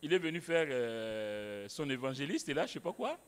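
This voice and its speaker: A man's voice: mid-range voice, big pitch swings, normal speed, smooth. A male pastor preaching a sermon in a church, emphatic, repeating phrases with many restarts. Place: church hall. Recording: long hall reverb.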